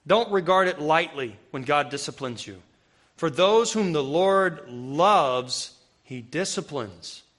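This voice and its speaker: A man's voice: a little high, animated, slow pace, a bit bright. A man preaching a conversational sermon to a room of listeners, reading scripture and breaking into emphatic, raised outbursts. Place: room with a live audience.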